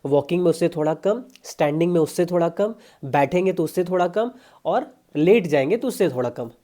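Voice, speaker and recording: Young indian guy, fitness coach rambling about diet, mellow low-key tone, calls you bro. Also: animated, a little fast. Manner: chatty, pushy, addresses viewers as brother. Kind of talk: casual diet advice vlog.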